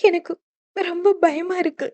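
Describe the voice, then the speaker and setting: A woman's voice: extremely high pitch, steady tone, measured pace, a little mellow, no echo, pitched above the performer's own voice. A woman voicing a frightened young wife who speaks through sobs in a shaky, tearful voice.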